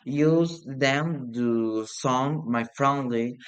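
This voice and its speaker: A man talks through an English grammar lesson at a very slow, deliberate pace. His delivery is halting and hesitant, full of restarts and pauses, and his voice sits at an ordinary middle pitch. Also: smooth, low-quality recording. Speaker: student presenting a grammar lesson. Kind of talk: read-aloud classroom presentation.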